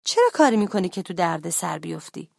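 A woman voicing a calm, kind schoolboy who helps his friend, speaking gently, in a children's storybook reading. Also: fairly low pitch, gravelly, dry recording, clean studio sound, voice pushed down, heavily acted. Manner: gentle and reassuring.

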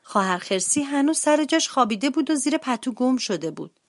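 A woman reading a children's storybook aloud as narrator, in an expressive, lively way. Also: high-pitched. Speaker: translator and storybook reader.

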